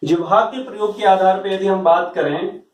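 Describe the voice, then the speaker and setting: High-voiced male teacher in an echoey room. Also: normal speed, darkish tone, slight background noise. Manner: patient explaining, checks understanding often. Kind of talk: classroom lecture on grammar. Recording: roomy echo, voice from far off.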